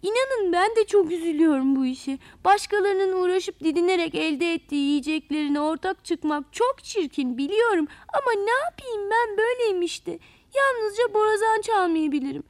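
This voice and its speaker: A woman's voice: high-pitched, expressive, brisk, few pauses, dark tone, no echo. A woman voicing a tiny, timid male water creature who plays a trumpet, pleading and stammering in a storybook tale. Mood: tearful.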